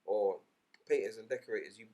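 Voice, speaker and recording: A man co-hosting a casual podcast chat, animated and emphatic, often swearing. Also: on the low side, brisk. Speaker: podcast co-host.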